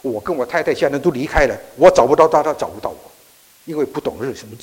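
A preacher putting on a grieving old man, choked with tears, the husky voice soft and low, ringing in a big echoey hall. The telling keeps a lively rise and fall. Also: fast talker. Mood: tearful. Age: older. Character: tearful elderly immigrant man, grieving.

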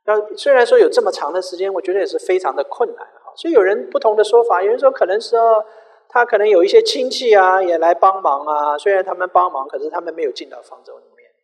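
A man preaching a sermon, telling a story in an animated way, often repeating and restarting words. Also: high voice, quick pace. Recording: echoey hall with long reverb.

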